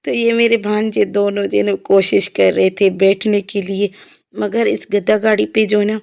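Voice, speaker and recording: A young woman talks through her vlog footage in a relaxed, rambling voice-over. Her voice is low in melody and has a creaky, gravelly edge, and she pads her sentences with easy fillers. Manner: chatty, meandering, frequent fillers. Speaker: vlogger. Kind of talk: casual vlog voice-over narration.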